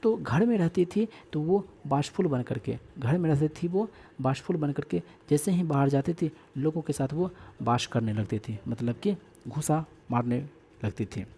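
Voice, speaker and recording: A man's voice: a little high, moderate pace, creaky, mellow, slightly rough. A man teaching English vocabulary for exams, repeating key words and giving memory tricks. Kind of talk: exam-prep vocabulary lesson with memory tricks.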